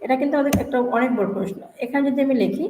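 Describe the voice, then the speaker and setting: A woman teaching an English grammar lesson, explaining slowly, repeating words and asking questions to her students. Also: high-pitched, mellow. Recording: echoey room with faint hiss.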